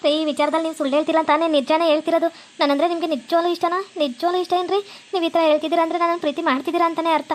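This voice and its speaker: A bashful young wife in a cartoon, blushing and pleading, voiced by a woman. She has a high, steady voice and talks quickly, with a North Karnataka Kannada accent. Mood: earnest. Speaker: channel narrator. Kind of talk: cartoon voice acting and narration.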